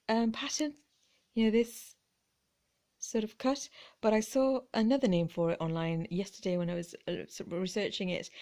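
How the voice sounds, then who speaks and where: A woman's voice: mid-range voice, darkish tone. Chatty woman gushing over finds. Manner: chatty, gushing, dips into whispers. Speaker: vlogger. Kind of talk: casual chat.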